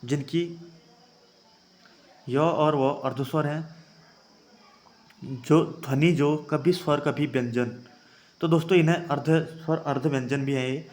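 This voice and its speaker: A man's voice: on the high side, steady tone, a little slow, long pauses, a little mellow. A young man teaching an exam-prep grammar lesson, calling his viewers friends and having them try each sound aloud. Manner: addresses viewers as friends, repeats points.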